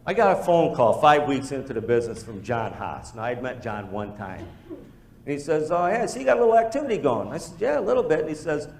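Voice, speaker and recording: Man, fairly high and lively voice, storytelling business pitch, echoey room with faint room noise. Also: fairly quick, gravelly. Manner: storytelling, animated, acts out quoted dialogue. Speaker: business presenter. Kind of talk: motivational talk to a live group.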